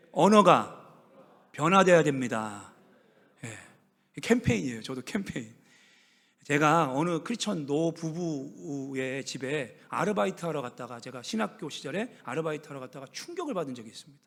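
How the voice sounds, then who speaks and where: Animated Korean pastor preaching in a church. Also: male voice, fairly high pitch, creaky. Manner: animated, humorous, acts out quoted dialogue. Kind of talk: sermon. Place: church sanctuary. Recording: long church reverb.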